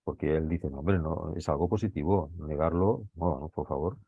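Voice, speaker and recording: A man's voice: rumbling low, normal speed, slightly rough, no room sound, phone-quality sound. A man teaching a class, walking students through a text and checking often whether they follow. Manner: checks understanding with frequent tag questions.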